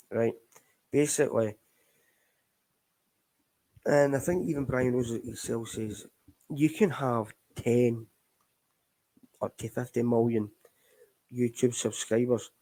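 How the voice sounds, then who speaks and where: Scottish man, middle-aged, casual live talk, mellow dark tone, frank and rambling. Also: mid-range voice, rough recording. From Scotland. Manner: candid, rambling, addresses listeners as folks. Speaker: recovery podcast host.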